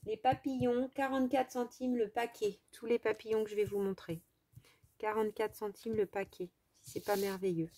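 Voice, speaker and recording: A woman's voice: a little high, steady tone, normal speed, warm tone. A woman casually chatting through a craft haul for her followers, enthusiastic and full of fillers. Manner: chatty, enthusiastic about small items, lots of fillers. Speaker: craft vlogger showing a haul. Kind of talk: casual haul vlog, showing items to camera.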